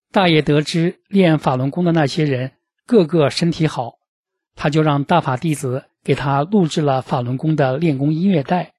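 A man with a fairly high, husky voice reads out a report in a measured news style. The recording is dry and close. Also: a little mellow, no room sound. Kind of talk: scripted narration of a submitted report.

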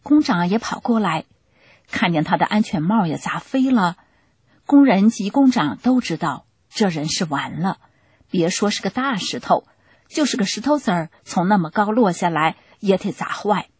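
A woman reading a testimony aloud in a steady, plain storytelling way. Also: medium pitch, moderate pace, breathy edge, no room sound.

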